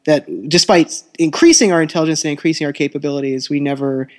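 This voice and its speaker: A man's voice: on the high side, fast, darkish tone. A man co-hosting a podcast in an articulate, explanatory, conversational way, recorded through a laptop. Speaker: podcast co-host. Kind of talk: conversational discussion. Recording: thin laptop microphone sound.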